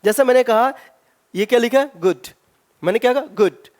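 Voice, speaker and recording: A male English teacher giving an exam-prep grammar lesson, asking many rhetorical questions and saying his example words slowly with stress. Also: extremely high pitch, a little mellow.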